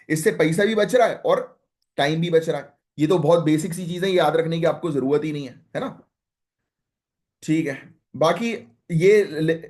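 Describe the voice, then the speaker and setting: A young man giving an exam-prep current affairs lesson. His voice sits a touch high for a man. He talks loosely and directly, often checking in with his listeners. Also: a little mellow. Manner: conversational Hindi-English mix, frequent "है ना?" and "ठीक है"; direct, advising students what to note.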